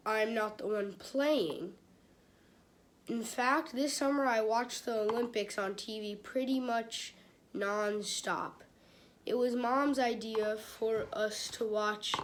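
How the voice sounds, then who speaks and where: A woman reading a children's book aloud, stopping and restarting phrases and turning aside to chat with her live audience. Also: a little high. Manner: halting, with many restarts and repeated phrases. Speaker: read-aloud host.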